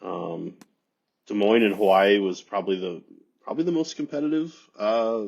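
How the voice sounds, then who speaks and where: A man's voice: on the low side, normal speed, vocal fry, a little mellow. A man with a cold, sounding congested and nasal, chatting as a podcast guest. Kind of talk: casual chat.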